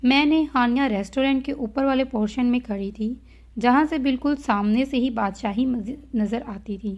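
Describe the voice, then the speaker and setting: A woman hosting her channel and reading a romance novel aloud with expressive storytelling. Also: on the high side, moderate pace. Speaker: novel reader, channel host. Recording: dull lo-fi audio.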